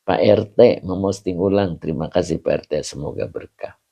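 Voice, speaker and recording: A man, an Islamic teacher greeting online viewers by name in a chatty way, often chuckling and clearing his throat. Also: sits low, moderate pace, dark tone, muffled recording. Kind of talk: greeting viewers of an online religious study session.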